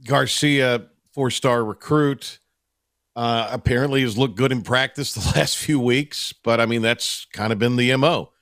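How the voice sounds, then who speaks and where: A man hosts a sports talk show in a very dry studio sound. His voice sits at an average pitch. He talks in a halting, meandering way, pausing often as he works toward his point. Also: a bit bright, dry recording. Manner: halting, meandering delivery with many long hesitations. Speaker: sports radio host. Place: radio studio.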